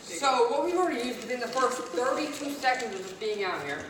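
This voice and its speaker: A woman with a slightly high voice gives rehearsed stage magic patter, explaining things formally to an audience. She is heard from a distance in a very reverberant room. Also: expressive, brisk. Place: echoey room at a live show. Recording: very echoey distant room, hissy noise.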